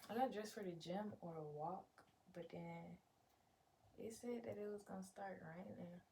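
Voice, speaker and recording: A woman's voice: medium pitch, normal speed, warm tone. A young woman chatting casually to viewers as a vlogger, in an unfiltered, rambling, slangy way with plenty of swearing. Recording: clear background noise, room ambience.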